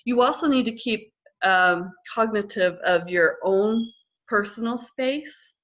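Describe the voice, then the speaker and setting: A middle-aged woman counselor explaining listening skills in a calm, measured way during a conversation. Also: mid-range voice. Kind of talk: instructive conversation. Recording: slightly dull lo-fi audio.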